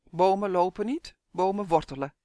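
A man voicing a stern, dreamy male forest faun with a soft, rustling voice in a children's audiobook. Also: sits high, normal speed, no echo, clean studio sound, close to an everyday voice. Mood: grave. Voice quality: rustling, soft like birch leaves. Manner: grave, dreamy.

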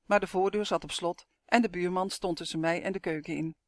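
A steady, measured audiobook narrator telling a first-person suspense story at a middle pitch. The voice sits close to the microphone in a dry, dead room with no echo.

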